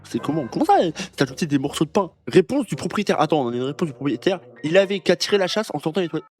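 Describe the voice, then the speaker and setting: A young man doing casual, joking reaction commentary for viewers, slangy and animated. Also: on the high side, quick pace, faint music behind. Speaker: YouTuber reacting to reviews.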